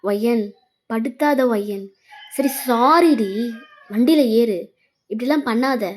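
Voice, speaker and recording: A woman's voice: on the high side, slow. A woman voicing a young man who keeps apologizing and pleading with his girlfriend in a fan fiction voice-over. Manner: coaxing, apologetic.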